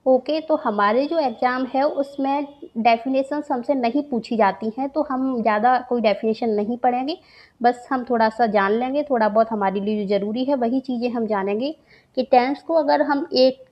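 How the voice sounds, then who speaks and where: A woman's voice: on the high side, highs cut off. A woman teaching grammar for an exam, patient and repeating each point while mixing English terms into her explanations. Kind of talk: exam-prep grammar lesson.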